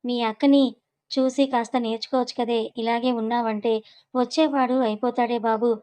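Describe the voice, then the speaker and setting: A woman voicing a mild-mannered young man in a storybook reading, gently scolding and teasing. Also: on the high side, fairly even intonation, normal speed, smooth, lightly acted.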